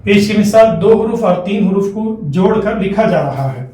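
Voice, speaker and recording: A man with a Hyderabadi Urdu accent teaching Quranic letters, spelling each letter and syllable out and repeating it in a slow, deliberate classroom manner. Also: sits high, animated, dark tone. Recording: roomy, distant mic.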